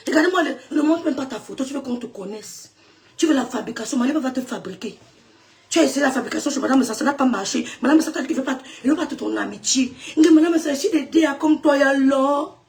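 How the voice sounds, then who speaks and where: High voiced woman from cameroon ranting back at haters, mocking and yelling. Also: animated, fast. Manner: insulting, defiant, swings between mocking laughter and shouting. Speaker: online content creator. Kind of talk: heated monologue answering critics.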